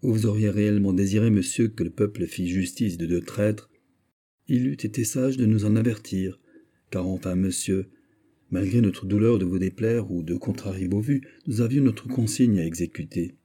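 A man's voice: on the low side, moderate pace, warm tone, lightly acted. A man reading aloud voices a flustered watch captain reporting deferentially to his superior.

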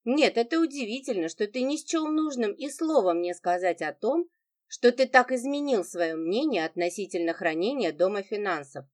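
Sneering venomous wife in an audiobook, lively and mocking; the woman narrator puts her on. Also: mid-range voice, moderate pace, lightly acted. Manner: sarcastic, sneering, biting.

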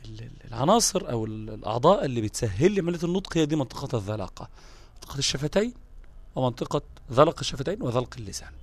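A man's voice: medium pitch, very animated, very fast, no echo. Egyptian man teaching in a dry voice. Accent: Egyptian Arabic. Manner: explanatory, repeats terms, checks in with "tamam?". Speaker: Quran recitation teacher. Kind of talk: live online lesson on letter qualities.

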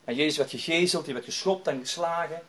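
Middle-aged man, emphatic preacher giving testimony, a touch high-voiced, chatty and repetitive. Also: quick pace, fairly bright tone. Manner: emphatic, repetitive, conversational with tag questions. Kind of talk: personal testimony sermon.

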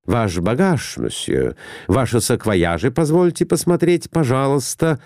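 A man's voice: medium pitch, sing-song, measured pace, darkish tone, dry recording, studio quality. A man voicing a flustered, apologetic young official. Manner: apologetic, mumbling.

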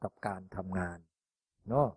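Buddhist teacher guy doing a dharma talk, gentle fatherly tone, keeps calling everyone child. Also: unhurried. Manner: punctuates phrases with soft particles. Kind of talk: dharma talk answering questions.

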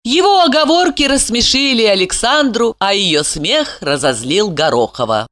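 A woman reading audiobook narration in a theatrical, expressive way. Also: medium pitch, normal speed, no room sound, clean studio sound.

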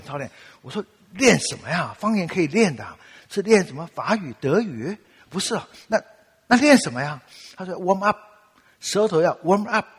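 A slightly high, breathy male voice rings out with a long reverb tail. The speaker, a pastor from Taiwan with a Taiwanese Mandarin accent, preaches through storytelling, acting out quoted lines with animation and laughs.

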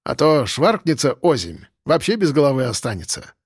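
A man's voice: fairly high pitch, big pitch swings, moderate pace, breathy edge, no room sound, clean studio sound. A male narrator voicing a stern man of about fifty who gives orders in a strict, habitual tone. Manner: strict, commanding. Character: stern man around fifty, caretaker type. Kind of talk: audiobook character voice.

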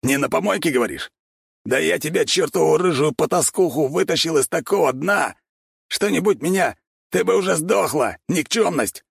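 A man's voice: a little high, lively intonation, moderate pace, vocal fry, slightly rough, no echo, studio quality, pitched above the performer's own voice, heavily acted. A man voicing a brash, arrogant young wolf thug who growls threats in an audiobook. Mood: menacing.

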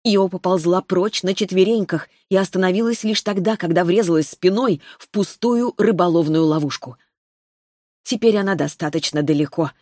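A woman with a lowish voice narrates a fantasy audiobook. She reads at a steady, measured pace. The recording is dry and close, with no room sound. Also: no room sound.

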